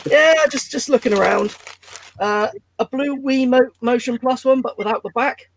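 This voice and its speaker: A man's voice: extremely high pitch, normal speed, gravelly, a little hiss or hum, poor audio. A man doing a casual show-and-tell as a livestream guest. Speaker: livestream guest showing games.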